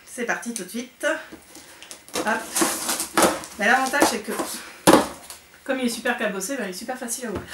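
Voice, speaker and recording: A young woman chatting excitedly through an unboxing vlog, with lots of fillers. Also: on the high side, brisk, pauses often, roomy sound, far from the mic, heavy background noise. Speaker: book vlogger.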